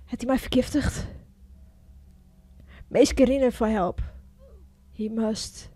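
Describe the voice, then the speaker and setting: A woman's voice: fairly high pitch, takes it slowly, dark tone, no echo. A woman with a Frisian accent chatting casually to viewers while she plays a video game, exclaiming at what happens on screen. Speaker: gaming video host. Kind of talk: casual gameplay commentary.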